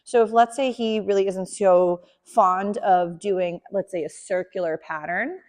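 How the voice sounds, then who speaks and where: A woman dog trainer giving a hands-on lesson, explaining calmly and softly praising the dog. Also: medium pitch, a little slow, in a large hall.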